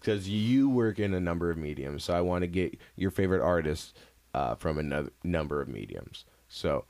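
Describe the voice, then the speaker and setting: A man's voice: low-pitched, animated, moderate pace, darkish tone, no room sound. A man hosting a casual interview, asking laid-back questions and chatting along with his guest.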